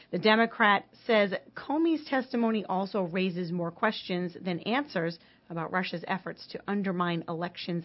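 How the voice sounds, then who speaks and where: A woman giving news, traffic and weather in a brisk, scripted newsreader delivery, heard as a muffled AM radio broadcast. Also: lowish voice. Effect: muffled AM radio broadcast sound.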